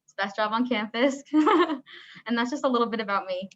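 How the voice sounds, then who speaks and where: A woman's voice: on the high side, animated, normal speed, a bit bright. A young adult woman, a student, introducing herself informally while speaking through a face mask. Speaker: student panelist. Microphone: video call. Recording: dull lo-fi video-call audio.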